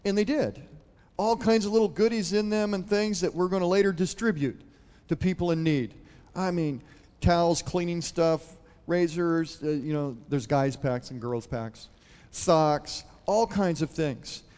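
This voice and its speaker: A man's voice: high-pitched, measured pace, a little mellow, smooth. A male pastor giving a conversational sermon, retelling a Bible story and asking the congregation questions. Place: church hall. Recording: long hall reverb.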